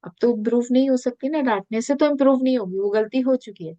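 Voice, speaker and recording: A woman's voice: a little high, quick pace, mellow, no echo. Earnest woman coach, muffled dry sound. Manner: earnest, mixes English phrases into her talk. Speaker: spiritual coach and guest. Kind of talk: podcast interview, storytelling.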